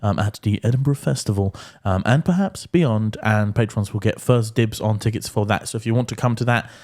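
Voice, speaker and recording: A man's voice: fairly low pitch, a little fast. A man co-hosting a music podcast, chatting casually and joking a lot. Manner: joking, animated, laughs often. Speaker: podcast co-host. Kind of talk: casual banter.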